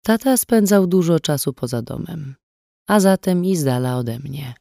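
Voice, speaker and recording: A woman reading a first-person audiobook in a calm, even storytelling voice, quieter in grim passages. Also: sits low, normal speed, vocal fry, no echo, studio quality. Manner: calm, even storytelling, hushed on dark moments. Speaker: audiobook narrator.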